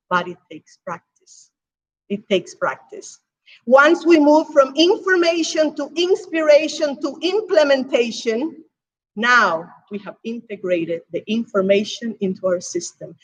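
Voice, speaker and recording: A woman from Cuba preaching a sermon as pastor, with emphatic swells and hushed drops. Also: on the high side, muffled recording.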